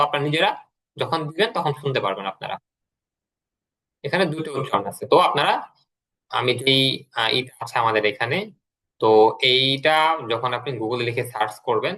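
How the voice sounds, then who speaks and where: A man with a sharp-toned, mid-range voice teaches English to adult learners in an online class. He patiently repeats words slowly so they can follow along. The audio quality is poor.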